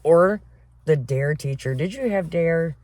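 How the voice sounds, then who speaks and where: A woman's voice: low-pitched, a little slow, no room sound. Profane, laughing woman telling stories. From Flint, Michigan. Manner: profane, laughing, animated storyteller. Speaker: podcast co-host. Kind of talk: casual chat, storytelling.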